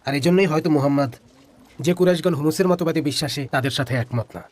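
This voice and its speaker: Dub casting: a man as a demanding elder, fast, slightly high. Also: a little mellow, close to an everyday voice. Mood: probing. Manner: questioning, demanding. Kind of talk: dubbed drama dialogue.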